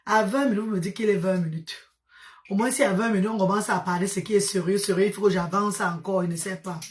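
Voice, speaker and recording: Speaking fast in a medium-pitched voice, a tired woman hosts a casual live stream. She greets her viewers one by one, affectionately calling them maman and sister.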